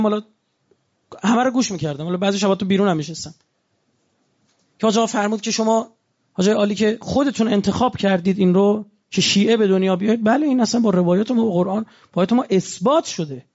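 A man's voice: sits high, darkish tone, dull audio. A man preaching a religious sermon in a conversational way, asking his listeners rhetorical questions.

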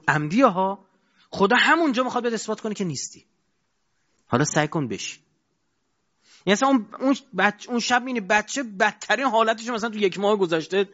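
A man giving a colloquial sermon, asking his audience rhetorical questions and moving between loud and quiet stretches. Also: on the high side. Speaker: preacher. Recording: dull lo-fi recording.

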